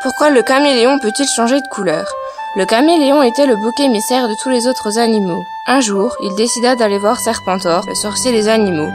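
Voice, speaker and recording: A girl reading a school storybook aloud as narrator, in a steady read-aloud style. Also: a little high, brisk, over music.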